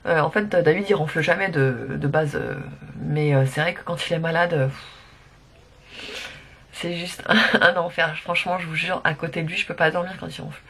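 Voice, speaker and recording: Husky, sore-throated woman vlogging. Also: low-pitched, steady tone, normal speed, fairly bright tone. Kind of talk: casual vlog chat to viewers.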